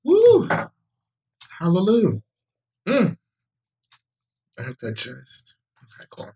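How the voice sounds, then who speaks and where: A woman's voice: on the low side, takes it slowly. A woman co-hosting a casual podcast, retelling a myth with slang, laughter and asides to listeners, a bit tipsy. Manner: animated, slangy, laughs often, calls listeners honey. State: tipsy from shots. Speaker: podcast co-host. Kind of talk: casual storytelling chat.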